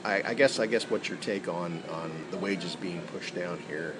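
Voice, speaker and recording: A man's voice: low-pitched, normal speed, a crowd in the background. A man with an American accent co-hosting a radio panel, giving conversational commentary and rephrasing as he goes.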